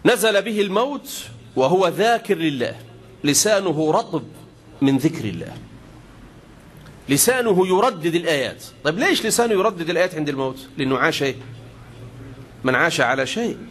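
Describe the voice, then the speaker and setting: Egyptian preacher acting out dialogue. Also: male voice, sing-song, brisk, pauses often. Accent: Egyptian Arabic. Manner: acts out dialogue, rising high for questions and dropping low for replies. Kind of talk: sermon storytelling.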